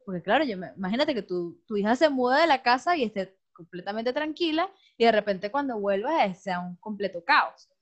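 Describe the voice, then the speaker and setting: A woman speaks openly and reflectively in a casual podcast conversation, her voice on the higher side and lively in its storytelling. The sound is dull and lo-fi. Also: a little fast, hardly any pauses. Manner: candid, reflective, animated storyteller. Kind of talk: casual heartfelt chat. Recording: dull lo-fi recording.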